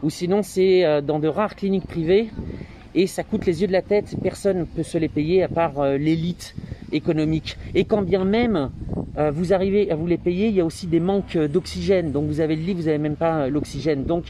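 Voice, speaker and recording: A man's voice: fairly high pitch, fairly quick, mellow, slight background noise. A man with an accent from France, speaking informally and hesitantly as an interviewer, his voice slightly muffled by a mask. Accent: French from France. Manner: conversational, hesitant delivery. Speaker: interviewer and reporter. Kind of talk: informal on-location introduction and interview.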